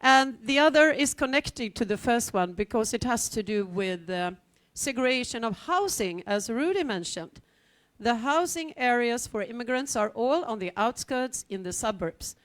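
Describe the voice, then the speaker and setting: A middle-aged woman from Sweden talks on a conference panel, chatty and wry, with plenty of ums along the way. Her voice is smooth and clear and sits a little high. The sound is close and dry. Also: no echo. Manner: chatty, wry asides, frequent fillers. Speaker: teacher at a vocational school, panel speaker. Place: conference hall, standing before an audience.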